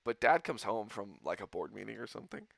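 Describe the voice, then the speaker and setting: A man's voice: fairly low pitch, very animated, fast talker, gravelly, no room sound, clean studio sound. A man hosting a podcast, telling a rambling story in casual chat and laughing often. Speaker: podcast host.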